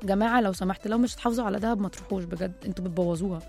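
Fast-talking Egyptian woman radio host. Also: medium pitch, darkish tone, soft background music. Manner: chatty, talking straight to listeners. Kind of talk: casual radio talk show.

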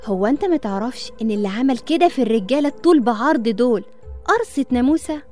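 Woman playing a mocking bossy woman, very high voice, fast. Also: expressive, dark tone, faint music behind, close to an everyday voice. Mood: taunting. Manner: taunting.

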